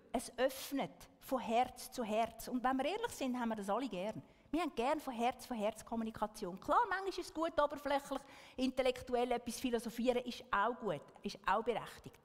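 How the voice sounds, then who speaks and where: A woman's voice: on the high side, in a large hall. A woman giving an earnest talk to an audience, often checking in with a questioning "right?". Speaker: speaker.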